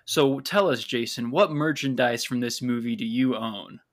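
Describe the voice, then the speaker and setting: A man's voice: mid-range voice, moderate pace. A man with a mid-range voice co-hosts a casual podcast. He jokes often and steers the conversation along. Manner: jokey, laughs often, steers the talk. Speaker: podcast co-host. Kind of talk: casual chat.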